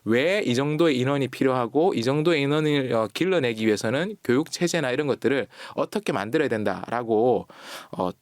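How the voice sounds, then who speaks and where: A man talks as an author guest in a studio interview, his voice sitting in a middle register. The sound is dry and close, with no room in it. He explains with animated, acted-out quotes. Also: mid-range voice, brisk, few pauses, no room sound. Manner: acts out quoted lines in lively voices while explaining. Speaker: author guest on a radio talk show. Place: radio studio. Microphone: studio microphone.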